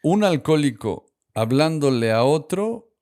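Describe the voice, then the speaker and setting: A man's voice: on the high side, sing-song, unhurried, darkish tone. A man hosts a conversational discussion, posing questions to his guests and reflecting aloud. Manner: moderating, poses questions to guests. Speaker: podcast host.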